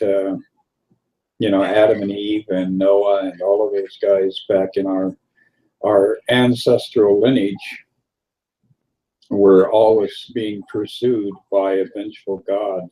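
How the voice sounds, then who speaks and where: A man with a low, dark voice and a slightly husky edge talks through a film review. He speaks in an unhurried, reflective way, pausing often as he gathers his thoughts, like a co-host in a casual discussion. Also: little pitch movement, rough recording. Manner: unhurried and reflective, with frequent pauses.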